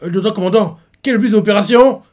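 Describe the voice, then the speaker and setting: A man's voice: high-pitched, rapid-fire, a little mellow, voice pushed up, close to an everyday voice. A man reading out a manga and voicing an earnest young male navy soldier who pleads in a raised voice. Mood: questioning.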